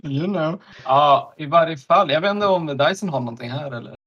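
A man in casual recap chat, relaxed, laughing often and pausing on fillers. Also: a little high, highs cut off. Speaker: podcast co-host.

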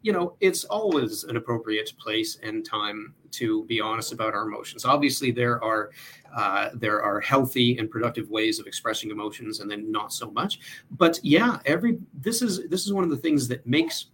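A man's voice: medium pitch, normal speed, a bit bright, a little hiss or hum. A man speaking as a mental health guest in a casual interview, earnest and thoughtful, with frequent fillers.

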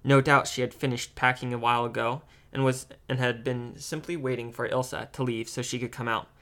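Halting amateur audiobook narrator, a man. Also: medium pitch, steady tone, pushed and bright. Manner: halting, with ums and self-corrections. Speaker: audiobook reader.

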